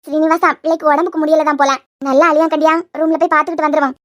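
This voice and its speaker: A woman voicing a sharp-tongued grandmother and mother-in-law in a cartoon serial, speaking with a Kanyakumari Tamil accent and a nagging, scolding manner. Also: high voice, flat delivery, racing, close to an everyday voice.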